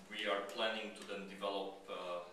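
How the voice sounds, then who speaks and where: A man from Slovakia pitching his startup at a meetup, talking casually with many fillers and restarts. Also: little pitch movement, moderate pace, sharp tone, slight background noise. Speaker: startup founder giving a pitch. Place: meetup venue. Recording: echoey room, mic far off, crowd behind.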